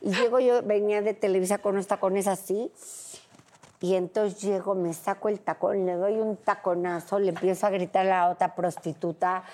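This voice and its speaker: A woman's voice: mid-range voice, fairly even intonation, normal speed, darkish tone. A middle-aged woman with a Mexican accent, a brash panel guest who tells stories and acts out the dialogue. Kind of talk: casual panel chat, storytelling.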